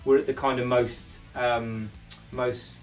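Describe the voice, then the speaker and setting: A male rock singer chats loosely about how a track was made, piling on fillers and false starts. His voice sits at an ordinary middle pitch and is picked up from some distance. Faint music hums in the background. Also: flat delivery, takes it slowly. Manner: rambling, loose, with frequent fillers and restarts. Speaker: band lead singer. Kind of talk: casual interview about making a song.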